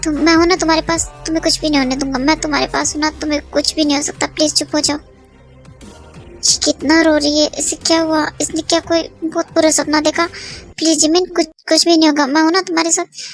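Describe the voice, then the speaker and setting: A young performer voicing a worried young man who keeps begging his crying partner to calm down. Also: sits high, fairly quick, soft background music. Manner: soothing, repetitive, worried. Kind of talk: Hindi fan dub drama.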